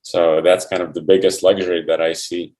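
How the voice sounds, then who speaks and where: A man from Ukraine, a guest in a casual online interview, relaxed and friendly with many fillers. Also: sits low, brisk. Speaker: guest, QA engineer.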